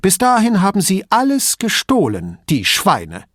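A man voicing a frail, chatty old widow who rambles and confides in a hushed tone. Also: huge pitch swings, unhurried, no echo, clean studio sound, heavily acted. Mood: confiding. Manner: rambling, confidential, lowers voice to a whisper.

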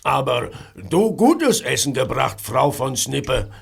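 A gravelly, broken-speaking thug. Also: male voice, mid-range voice, big pitch swings, slow, full character voice. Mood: smug. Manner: broken German, missing articles and verbs. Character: crude foreign male thug, gluttonous henchman. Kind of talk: radio play acting.

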